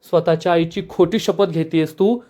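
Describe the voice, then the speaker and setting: A man's voice: on the high side, fairly even intonation, moderate pace, warm tone, natural voice. A man voicing a wronged, angry young woman. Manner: accusing, pleading.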